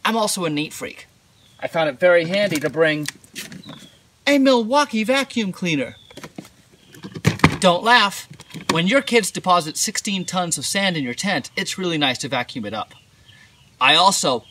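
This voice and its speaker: A man's voice: high voice, expressive, moderate pace, long pauses, sharp tone, slight background noise. A man in his thirties walking through his camping gear outdoors, with dry joking asides. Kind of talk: casual gear walkthrough. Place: outdoors in a driveway and at a campsite.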